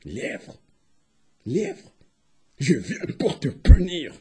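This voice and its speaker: A man puts on a greedy hyena who threatens, then smacks its lips over the food. Its voice swings between low growls and high exclamations, and it sounds husky. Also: big pitch swings, a little slow, dark tone, full character voice. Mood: menacing.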